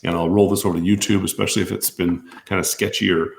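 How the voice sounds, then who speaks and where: A man with a hoarse voice from allergies, hosting a live-stream Q&A as a doctor, talking hesitantly with many restarts. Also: deep voice, flat delivery, quick pace. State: losing his voice from allergies. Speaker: doctor answering viewer questions.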